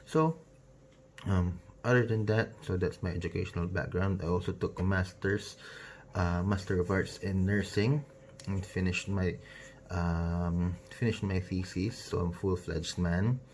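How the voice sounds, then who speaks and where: Filipino man, 20s, deep, hesitant and rambling on-camera intro, faint background noise. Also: steady tone, measured pace, a little mellow. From Philippines. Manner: rambling, hesitant, frequent fillers and self-corrections. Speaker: nurse vlogger. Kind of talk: casual self-introduction to camera.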